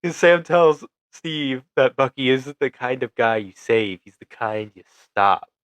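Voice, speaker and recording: A man's voice: medium pitch, expressive, a little slow, fairly bright tone, clean tone, no echo. A man co-hosting a podcast, chatting casually and enthusiastically about a movie and laughing easily. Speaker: podcast co-host. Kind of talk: casual movie review chat.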